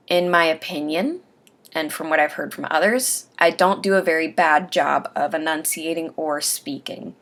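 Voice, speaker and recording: A woman with a slightly low voice talks straight to her camera in a casual video diary. She has a faint lisp and spells out each word with deliberate, exaggerated care, like someone practicing her own speech. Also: fairly bright tone. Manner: deliberate, over-enunciated speech. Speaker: vlogger sharing denture aftercare advice. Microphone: webcam or camera mic while watching herself on screen.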